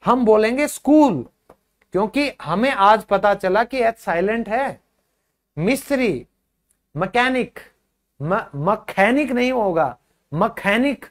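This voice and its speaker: A man gives an unhurried video lesson on pronunciation. He takes his time and says each word twice for the learner. He talks to his viewers fondly, as if they were his own pupils. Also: high-pitched. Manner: patient explaining with repeated drilled words; addresses viewers as children and friends. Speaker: English pronunciation teacher.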